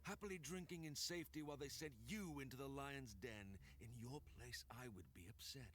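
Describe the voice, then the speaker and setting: A man acting a slow, menacing, theatrical villain. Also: medium pitch, a bit bright, close to an everyday voice. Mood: taunting menace. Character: deposed male Italian noble villain, proud, vengeful schemer. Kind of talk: video game villain monologue.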